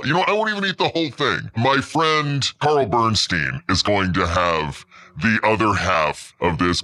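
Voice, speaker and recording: An anonymous male guest whose voice is disguised and pitched down deep, telling a relaxed, joking story in casual chat. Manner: relaxed, joking, quick to laugh.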